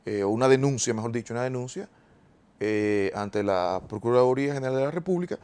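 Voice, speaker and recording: A man, a lawyer being interviewed on a TV program, who explains things in a measured, formal legal way. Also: mid-range voice, darkish tone, clean tone. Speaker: lawyer guest.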